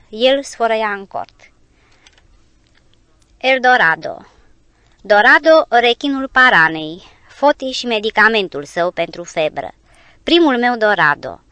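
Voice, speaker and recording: Smooth, clear woman audiobook narrator. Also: medium pitch, big pitch swings, sharp tone, no echo.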